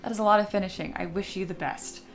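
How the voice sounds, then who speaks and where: Her voice sits at medium pitch with fairly even intonation, moving quickly while faint music plays behind. She's a livestream host teaching 3D sculpting, chatting casually and thinking out loud to herself and viewers. A slight scratchiness and sleepiness show that her voice hasn't warmed up yet.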